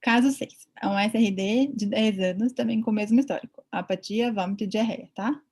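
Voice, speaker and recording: Husky Brazilian woman teaching on a call. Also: medium pitch, brisk. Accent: Brazilian Portuguese. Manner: chatty, animated, acts out her own thoughts. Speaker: veterinary ultrasound teacher. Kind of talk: online lecture.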